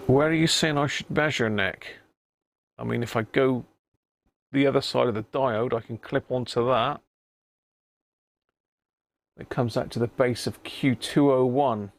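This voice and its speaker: This British livestream host, a radio repair hobbyist, mutters and thinks aloud while working, keeping his commentary casual. His medium-pitched voice is unhurried, with long pauses.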